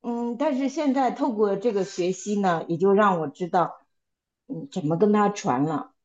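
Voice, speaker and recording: Halting woman sharing a church testimony. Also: medium pitch, darkish tone, lo-fi sound. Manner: halting, repeats and restarts words. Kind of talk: testimony sharing in a Bible study group.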